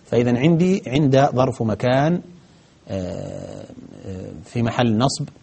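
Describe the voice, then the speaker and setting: Guy teaching grammar fast and methodical, dark husky voice, lots of pauses to think. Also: mid-range voice, expressive. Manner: methodical, step-by-step parsing with frequent hesitations. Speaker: grammar teacher answering viewer questions. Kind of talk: broadcast Arabic grammar lesson.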